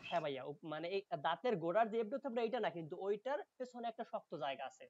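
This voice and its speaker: A man teaching linguistics in an online class. He explains patiently, reads English textbook lines slowly and checks often that students follow. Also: high voice, animated, darkish tone, dull audio. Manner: explains patiently, checks understanding with frequent "okay?".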